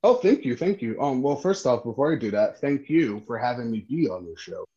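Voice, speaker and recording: A man chatting as a podcast guest, friendly and halting, with lots of ums and restarts. His voice sits at a middle pitch, and the recording sounds a little dull and lo-fi. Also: animated, warm tone. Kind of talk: casual podcast chat.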